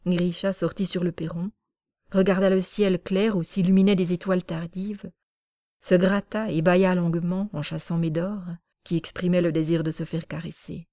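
A woman narrating an audiobook in a slow, even storytelling manner. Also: on the low side, no echo, studio quality.

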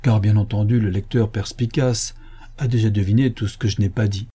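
A man's voice: lowish voice, fairly even intonation, brisk, dark tone, husky. A man reading a short story aloud as narrator, with a wry storytelling manner. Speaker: audiobook reader. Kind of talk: scripted narration.

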